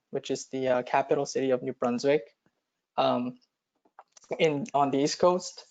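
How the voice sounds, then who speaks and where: A man's voice: mid-range voice, warm tone. A man from South Korea teaching cadets over a video call, hesitant and full of ums and uhs. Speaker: cadet instructor. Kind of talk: online class lesson. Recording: muffled video call audio.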